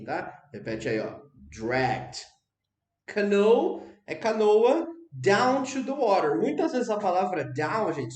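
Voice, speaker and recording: A man in a relaxed English lesson for Portuguese speakers. He keeps checking in with the class and slows down to drill each example phrase. His voice sits a little high, and the room around him is echoey and open. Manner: chatty, checks in with "tá, gente?", repeats phrases slowly for drills. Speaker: English teacher. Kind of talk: casual explanatory lesson. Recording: roomy, echoey room sound.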